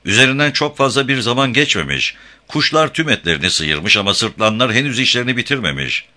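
A man voicing a confident, calm young frontiersman in a Turkish audiobook, speaking in a steady, matter-of-fact way. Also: mid-range voice, a little fast, pitched above the performer's own voice. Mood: grim.

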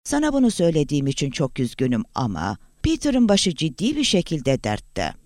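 A man voicing a worried middle-aged male professor who talks in a halting, cracked, urgent way. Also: on the high side, huge pitch swings, a little mellow, no echo, clean studio sound.

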